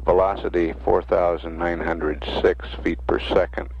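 A man's voice: low voice, flat delivery, a little slow, gravelly. A man giving matter-of-fact spaceflight status commentary as a mission control announcer, reading out figures over space radio. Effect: space radio transmission. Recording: muffled, noisy 1960s mission radio archive.

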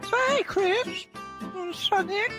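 Squeaky, lecherous cartoon creep. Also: male voice, slow, music in the background. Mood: lecherous, teasing.

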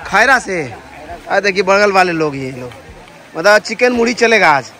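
A man giving lively travel-vlog commentary outdoors on a forest trail by a waterfall, talking straight to viewers and chatting with people he meets. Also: high-pitched, unhurried, crowd noise. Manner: lively, addresses viewers directly, chats with passers-by. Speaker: travel vlogger. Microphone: camera filmed by a companion while walking.

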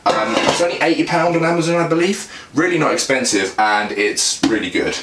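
A young adult meal prep host and fitness vlogger with a British accent speaks briskly and expressively in a mid-range voice. He explains cooking to camera in an informal, plain-spoken way, recorded indoors in a small, echoey home kitchen with clear background noise.

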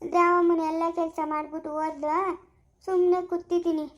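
A woman's voice: flat delivery, brisk, dull audio, heavy background noise. A woman acting an aging mother in a rural family drama, lamenting and wailing as she talks. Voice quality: high-pitched, wailing and lamenting. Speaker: actor playing an old grandmother.

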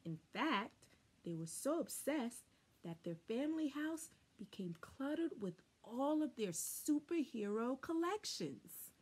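A young adult woman reading a children's story aloud expressively, with deliberate, dramatic emphasis, recorded indoors on a camera a short distance away. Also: high voice, sing-song, a little mellow, slightly rough. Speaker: storybook reader. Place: small furnished room indoors.

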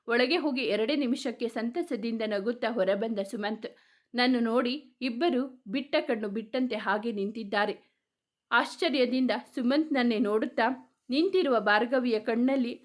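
A woman narrating a scripted family story, measured and expressive. Her voice sits somewhat high, with an even storytelling pace.

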